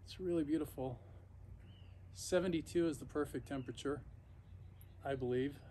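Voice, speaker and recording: A man in his fifties or sixties talks casually and unscripted to a camera a few feet away, reflective and halting, pausing mid-sentence. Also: fairly high pitch, warm tone. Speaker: vlogger. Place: backyard patio outdoors, sitting in an ice bath. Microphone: camera or phone a few feet away. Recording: outdoor noise, camera some feet away. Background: clear outdoor ambient noise.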